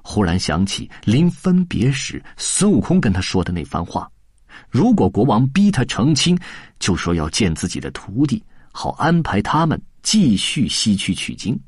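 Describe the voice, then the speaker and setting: A man narrating a classic novel as an audiobook in a lively, colloquial storytelling manner, close to the mic. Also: lowish voice, normal speed, husky, no room sound.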